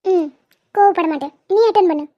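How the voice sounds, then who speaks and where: A woman voicing a jealous, dramatic young wife in an animated comedy, whiny and accusing. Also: extremely high pitch, brisk, dry recording. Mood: pouty. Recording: dull lo-fi sound.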